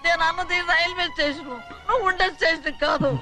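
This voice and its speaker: A woman's voice: very high-pitched, fairly even intonation, fast talker, bright, forceful tone, faint music behind. An actress playing a grieving older village mother who pleads with her son in rustic, affectionate film dialogue. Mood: tender.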